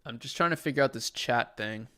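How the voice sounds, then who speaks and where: Brisk and mid-range in voice, this young Chilean livestreamer keeps things relaxed and conversational as he responds to questions from his chat.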